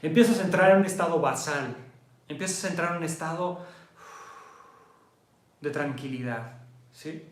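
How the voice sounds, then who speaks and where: High-voiced Mexican man teaching meditation. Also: moderate pace, pauses often, echoey room. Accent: Mexican Spanish. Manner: repeats phrases, fading each one down to a hush; speeds up and rises when acting out an anxious mind. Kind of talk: meditation talk.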